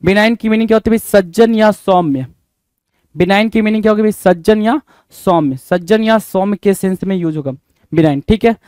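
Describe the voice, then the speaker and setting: A man's voice: high voice, racing, darkish tone, clear, resonant tone, dry recording. A man teaching an exam vocabulary lesson, asking the listener rhetorical questions over and over. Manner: repetitive quizzing asides.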